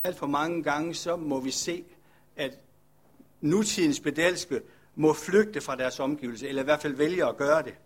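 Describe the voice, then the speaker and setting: A man's voice: on the high side, slightly rough. A man preaching a sermon as a pastor, speaking in an earnest, reflective way and putting questions to his listeners.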